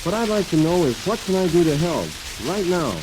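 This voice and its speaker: A man's voice: sits high, lively intonation, a little fast. Earnest American boy, noisy 1940s radio. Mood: earnest, eager. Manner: polite, earnest, scripted delivery. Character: eager, earnest American teenage boy wanting to help.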